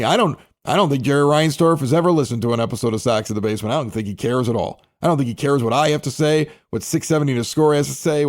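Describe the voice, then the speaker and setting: A man hosting a sports podcast, ranting in a heated, exasperated way. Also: on the high side. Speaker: podcast host. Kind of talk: casual sports podcast rant.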